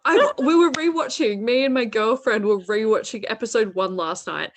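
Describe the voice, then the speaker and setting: A young woman, co-hosting a casual chat about relaxing media, bubbly and quick to laugh. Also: a little high. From Australia. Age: young adult. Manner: bubbly, laughs often, says "like" a lot. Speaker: co-host.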